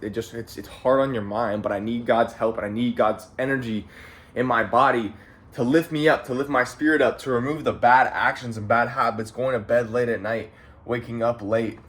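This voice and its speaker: A young man in his late teens from Canada, a young adult vlogger, talks to the camera from home with a medium-pitched voice. His motivational monologue rambles casually and profanely, and he keeps repeating phrases and saying "bro."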